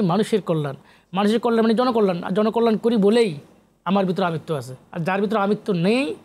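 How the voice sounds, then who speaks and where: A poet and researcher from Comilla, Bangladesh, speaks as an interview guest in a high voice with a darkish tone. He's emphatic and repetitive, asking rhetorical questions and slipping in English words.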